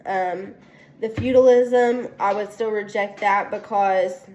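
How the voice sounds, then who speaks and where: A woman's voice: medium pitch, steady tone, slow pace, a little mellow, slight background noise. A young woman with a sinus infection giving a class presentation, hesitant and full of ums and restarts. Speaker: student presenting a weekly assignment. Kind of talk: casual spoken class presentation.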